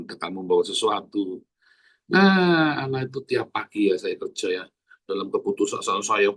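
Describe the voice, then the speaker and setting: A male pastor, preaching in an animated, earthy way and calling out to the congregation. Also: lowish voice, husky. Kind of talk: sermon.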